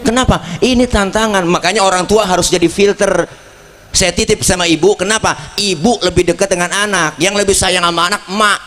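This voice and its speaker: A preacher delivers a comedic sermon in a joking, lively manner, speaking straight to the crowd. His voice is high and brisk, with slight background noise.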